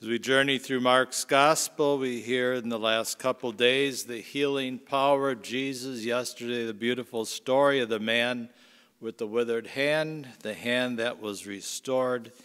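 A male priest proclaims the gospel and then preaches, his pace slow and deliberate. His voice sits at an ordinary pitch for a man. It carries a cathedral echo, a long reverb filling the large church. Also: fairly even intonation, a bit bright, clear, resonant tone. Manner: measured, unhurried liturgical delivery. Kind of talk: gospel reading and homily.

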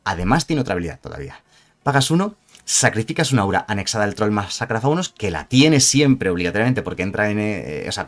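A man giving a rambling, animated casual card analysis, often correcting himself. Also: fairly low pitch. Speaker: card game reviewer. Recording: faint background music.

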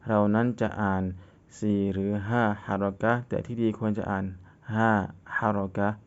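A man's voice: fairly low pitch, level tone, moderate pace, clean tone, lo-fi sound. A man teaching Quran recitation step by step, reciting a phrase and then patiently explaining how to sound each letter.

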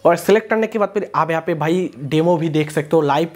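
This Indian man in his twenties hosts YouTube tech and gaming tutorials, giving a scripted walkthrough to camera that explains each step and repeats itself. His voice is slightly high, fairly quick and darkish in tone. He records in a small indoor room on a lapel mic.

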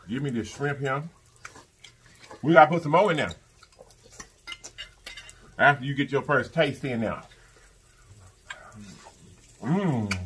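A woman's voice: sits low, a bit bright, slight background noise. A woman with chatting to viewers during a mukbang eating vlog, with lots of mm sounds between bites. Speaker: mukbang vlogger. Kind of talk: casual eating vlog chat.

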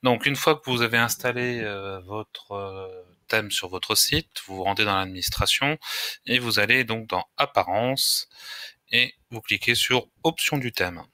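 A man hosting a screen-recorded software tutorial, talking hesitantly with frequent filler pauses. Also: fairly low pitch, no echo. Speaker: tutorial host.

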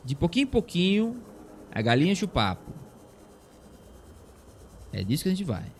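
A man's voice: sits high, wildly swooping pitch, normal speed, a little hiss or hum. A young man with a Brazilian Portuguese accent streams a survival game live, talking to himself and thanking viewers in chat. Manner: chatty, talks to himself and thanks chat members. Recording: game music playing behind.

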